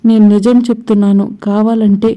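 A woman's voice: mid-range voice, little pitch movement, brisk, warm tone, close to an everyday voice. A woman voicing an earnest young woman in a TV serial retelling. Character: young woman confessing love joyfully.

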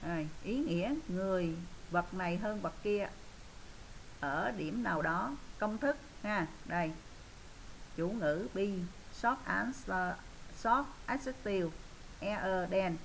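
A woman teacher with a southern Vietnamese accent, teaching an English lesson, tagging her sentences with a soft "ha" and slowing down to model English phrases. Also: medium pitch, creaky, slight background noise, rough recording. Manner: sprinkles sentences with a soft "ha" tag.

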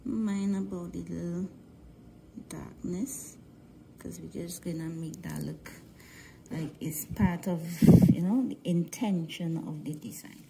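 Over a very noisy recording, a woman from Guyana talks through a nail art tutorial as a casual voice-over. Her accent mixes Guyanese and Trinidadian. Her fairly low voice shows vocal fry, and her relaxed, halting delivery is full of fillers and frequently drops almost to a whisper.

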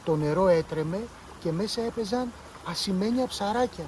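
A man voicing a gentle, soft-spoken young boy in a read-aloud story, speaking slowly and quietly. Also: a little hiss or hum, close to an everyday voice, poor audio. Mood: quiet, earnest. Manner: slow, hushed, low-voiced.

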